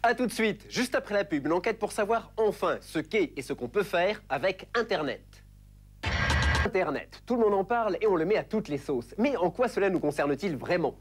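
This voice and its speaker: A woman announcer reading a promotional teaser for a broadcast in a crisp, punchy way. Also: medium pitch, expressive, fairly quick. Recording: voice-over with music bed.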